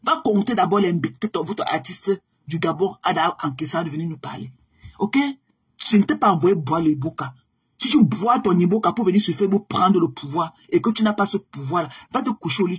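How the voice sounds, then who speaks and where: A woman's voice: on the low side, expressive, a little fast, slightly rough. A woman, ranting confrontationally on a live stream and dropping in English phrases. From Cameroon. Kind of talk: heated live-stream rant.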